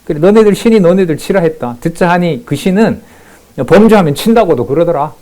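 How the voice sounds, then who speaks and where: A preacher putting on a sneering enemy commander. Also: male voice, high voice, expressive, fairly quick, dark tone, voice pushed up, rough recording. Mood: mocking. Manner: sneering, mocking taunts. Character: taunting male enemy commander, scornful and arrogant.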